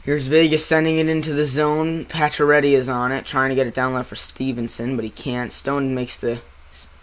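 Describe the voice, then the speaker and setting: A young man with a New Jersey accent doing casual live hockey play-by-play, surging with excitement on big plays and chatting to his viewers in between. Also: mid-range voice, moderate pace. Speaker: amateur play-by-play streamer.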